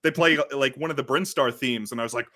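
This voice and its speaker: A young man on a casual podcast, talking in halting bursts with frequent restarts. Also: medium pitch, sharp tone. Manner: halting, many restarts and nitpicks. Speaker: podcast co-host. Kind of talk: casual chat.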